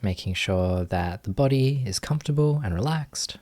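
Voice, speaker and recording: Guiding a meditation as a teacher, a man speaks softly and gently in short phrases, pausing at length between them. His pitch is fairly low and his intonation lively.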